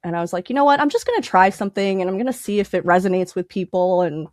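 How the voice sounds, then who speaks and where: A woman appears as a guest on a casual podcast interview, an independent music artist explaining things emphatically and repeating her key points. Her voice is medium in pitch, animated and fast.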